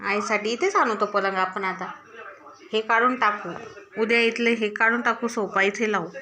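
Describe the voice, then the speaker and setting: A woman's voice: mid-range voice, normal speed, pushed and bright. A woman with a Marathi accent chatting casually at home, coaxing and affectionate with her child. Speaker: vlogger and mother. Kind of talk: casual family chat.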